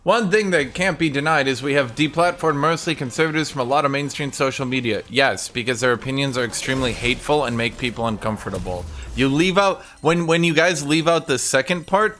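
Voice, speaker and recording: A man's voice: medium pitch, brisk, few pauses, fairly bright tone, slight background noise. A young man streaming a game, talking casually and sarcastically to his chat and swearing freely. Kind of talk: casual live-stream commentary.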